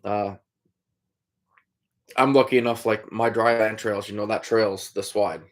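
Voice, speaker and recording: With a fairly low voice, fairly even intonation and a measured pace, a man from Iowa, USA, chats on the live stream he hosts as a trapper. He's relaxed with viewers, calling them "buddy" and trailing off with "I don't know".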